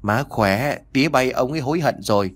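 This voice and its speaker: A man's voice: medium pitch, lively intonation, brisk, lightly acted. A man voicing an anxious elderly country mother who rambles and stammers on the phone. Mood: anxious, chatty. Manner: rambling, stammering southern-rural speech.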